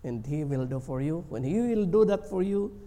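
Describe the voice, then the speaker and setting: A man from the Philippines preaching a sermon as a pastor, earnest and slow, sometimes acting out pleading prayers. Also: fairly high pitch, lively intonation, warm tone. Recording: long hall reverb.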